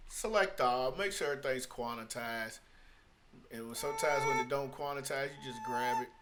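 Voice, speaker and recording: A man with a mid-range voice at a moderate pace gives a casual screen-recorded tutorial as a music producer, with a noisy background and hip-hop beat loops playing. He thinks aloud in a rambling way and often repeats his phrases.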